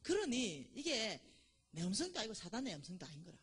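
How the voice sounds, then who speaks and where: Lady telling her story at church, husky voice, swings up and down a lot. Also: medium pitch, fairly quick. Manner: animated storytelling, acts out quoted voices. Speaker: church lecturer. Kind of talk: testimony lecture.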